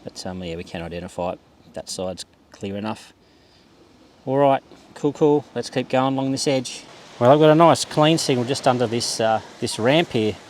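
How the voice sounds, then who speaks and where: Clear outdoor background noise accompanies this metal detecting vlogger on a beach. He speaks at normal speed in a medium, slightly mellow voice, offering a laid-back, understated commentary that is half addressed to himself as he searches.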